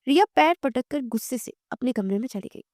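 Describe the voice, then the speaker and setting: A woman narrating a romantic novel aloud in a steady storytelling read. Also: sits high, brisk, dry recording, clean studio sound.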